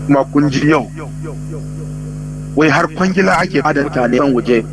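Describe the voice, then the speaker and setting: A man's voice: on the high side, moderate pace. A man giving an impassioned radio address over a line that cuts in and out. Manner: impassioned, with emphatic repetitions. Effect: line breaking up, cutting in and out. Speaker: radio show speaker. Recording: noisy, dropping call-in line.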